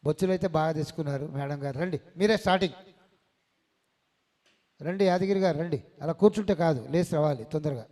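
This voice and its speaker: A man hosting a community event, calling people up and hurrying them along. He talks fast in a fairly high voice. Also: mellow. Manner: brisk, directive, hurrying participants. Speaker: event organizer and host.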